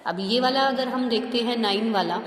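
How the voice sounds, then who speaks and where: This classroom lesson features a woman with a fairly high voice speaking at normal speed to young maths students. She explains patiently step by step and tests their understanding with rhetorical questions, all in an echoey room with a long reverb tail.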